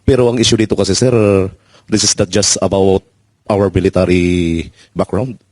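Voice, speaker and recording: Low-voiced ex-soldier man, earnest and quick, dry close mic. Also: steady tone, a little mellow, no room sound. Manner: earnest, pleading, polite. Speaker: former soldier. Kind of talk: personal testimony in a panel.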